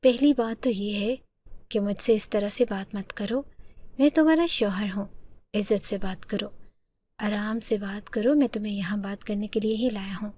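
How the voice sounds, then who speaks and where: Woman voicing a calm, dismissive young husband. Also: mid-range voice, lightly acted. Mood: lecturing. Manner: soft, coaxing, lecturing.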